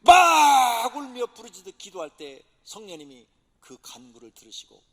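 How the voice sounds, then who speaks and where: A male pastor preaching a sermon with passion, swinging from shouted exclamations to hushed whispers. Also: a little high, sing-song, a little fast, a little hiss or hum. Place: church sanctuary. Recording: church hall reverb.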